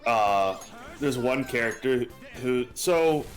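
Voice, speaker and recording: Twenties male co-host, relaxed and meandering, mid pitch, faint music behind. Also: takes it slowly. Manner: relaxed, meandering anecdotes with fillers. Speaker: streamer co-host. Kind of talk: casual chat while streaming a game.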